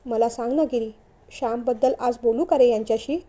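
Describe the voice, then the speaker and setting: A woman's voice: fairly high pitch, fairly quick, dark tone, natural voice. A woman voicing a timid, tearful young wife who speaks hesitantly in a storybook reading.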